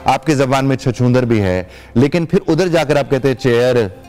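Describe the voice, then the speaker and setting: A man's voice: mid-range voice, normal speed, darkish tone. Male guest, middle-aged, from Pakistan, formal patient explainer; light music bed under a studio interview. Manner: explanatory, formal Urdu with English words. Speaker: English teacher, guest.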